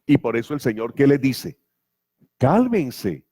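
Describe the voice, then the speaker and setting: A man's voice: mid-range voice, steady tone, fairly quick, dark tone. Guy pastor giving a sermon, emphatic, asks the crowd lots of questions. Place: church.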